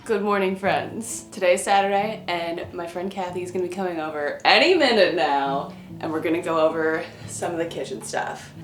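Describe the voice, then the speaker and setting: A young woman from talks about her home in a bubbly, chatty way. Her voice sits a little low for a woman, and a faint hiss runs under it. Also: normal speed. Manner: bubbly, chatty, laughs often. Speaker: vlogger. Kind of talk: casual home renovation vlog. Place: home kitchen.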